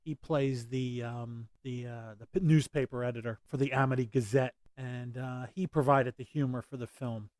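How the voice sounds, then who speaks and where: A man's voice: mid-range voice, fairly even intonation, moderate pace, hardly any pauses, darkish tone, no room sound. A man hosting a casual movie commentary, rambling with many fillers and restarts. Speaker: podcast host.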